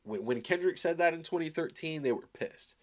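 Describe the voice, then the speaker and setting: A music reaction host from Arizona reacts live to a new song with loose, rambling, enthusiastic commentary full of filler. His voice is fairly high and expressive, running a little fast.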